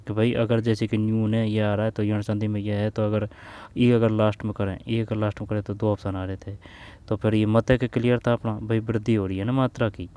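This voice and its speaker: A man's voice: on the low side, mellow. A man teaching exam grammar questions in a casual spoken lesson, thinking aloud, repeating words and often asking "है ना".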